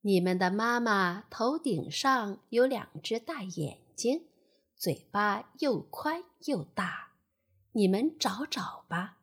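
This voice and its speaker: A woman voicing a gentle, helpful mother duck. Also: mid-range voice, expressive, takes it slowly, slightly rough, heavily acted.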